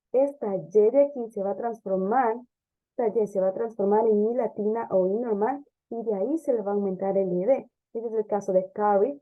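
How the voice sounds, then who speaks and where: A woman teacher explaining English grammar step by step, often checking understanding with a quick "ok?" or "¿sí?". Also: fairly high pitch. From Ecuador. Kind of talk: classroom grammar lesson. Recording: dull lo-fi lesson recording.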